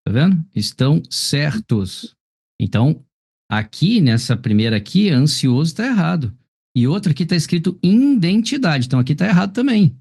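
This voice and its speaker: A man's voice: a little high, sing-song, fairly quick, vocal fry, darkish tone, husky. A man with a Brazilian Portuguese accent teaching a grammar class over a video call, explaining patiently and asking "tá vendo?" again and again. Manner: explanatory, repeats "tá vendo?" and "ó" often. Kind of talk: live online class correcting a test.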